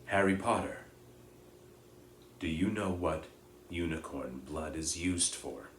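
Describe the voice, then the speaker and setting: Noble centaur dude, read by a man, grave and earnest, deep voice, kinda echoey. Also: expressive, takes it slowly, fairly bright tone, distant mic, slight background noise, heavily acted. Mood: solemn. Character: noble calm male centaur, protective. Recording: echoey room.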